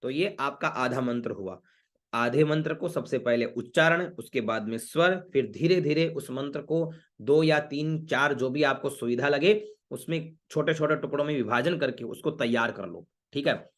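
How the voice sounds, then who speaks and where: A man teaching Vedic mantra pronunciation in an online class, breaking words into syllables and then chanting each phrase slowly. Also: mid-range voice, a bit bright.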